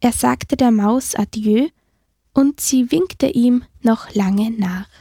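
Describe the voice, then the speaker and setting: A woman narrates a children's story slowly and gently. Her somewhat high voice is breathy and recorded dry and close. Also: no echo.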